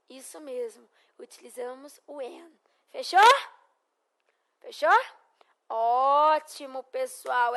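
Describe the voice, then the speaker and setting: A young Brazilian woman with a Brazilian Portuguese accent, an English teacher giving a recorded lesson. She is encouraging and repeats phrases slowly for students to echo. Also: high-pitched, fairly bright tone.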